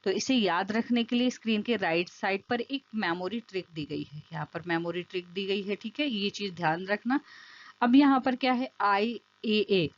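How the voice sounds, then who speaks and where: A woman's voice: medium pitch, normal speed, no echo. A woman teaching special education through an online exam-prep lecture over slides. She explains step by step, repeats key terms and keeps checking that the listener follows. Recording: dull lo-fi dry recording.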